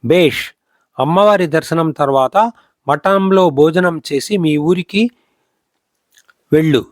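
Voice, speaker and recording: A man's voice: on the high side, slow pace, no room sound, clean studio sound. A man voicing a jovial elderly sage. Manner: laughing, commanding. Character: revered elderly male sage, jovial and knowing.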